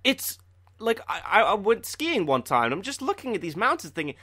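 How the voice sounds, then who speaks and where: A man's voice: high-pitched, sing-song, a little fast, bright, forceful tone, no room sound. Rambling young man on a podcast. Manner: rambling, stammering, lots of "like" and "you know". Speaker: podcast host. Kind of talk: casual podcast chat.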